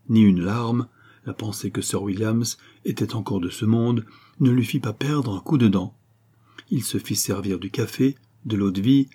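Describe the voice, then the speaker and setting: Low dark-voiced male narrator. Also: breathy edge. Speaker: audiobook narrator. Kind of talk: scripted narration of a classic novel.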